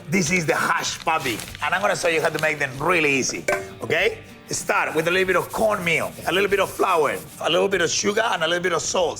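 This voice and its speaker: A man, a TV chef, giving a lively cooking demonstration and talking through each step. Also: on the high side. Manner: upbeat, animated, talks through each step. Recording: music playing behind.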